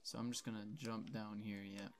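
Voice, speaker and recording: A man's voice: on the low side, level tone, moderate pace, background noise. A young man casually commenting on his gameplay and reading the game's dialogue aloud in his own plain voice, offhand and self-deprecating. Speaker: let's play host.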